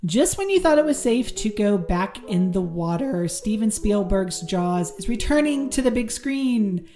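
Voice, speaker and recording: Over music, a woman with an animated, unhurried, medium-pitched voice hosts a horror movie podcast, doing a casual solo review and news. She's chatty, with lots of ums and restarts, and her voice is a bit worn as she loses it.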